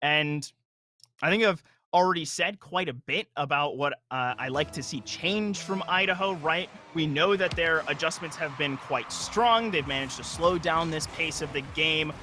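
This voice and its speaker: A young man giving energetic, analytical live commentary on an esports match. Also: a little high, moderate pace. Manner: energetic analytical play-by-play, frequent restarts.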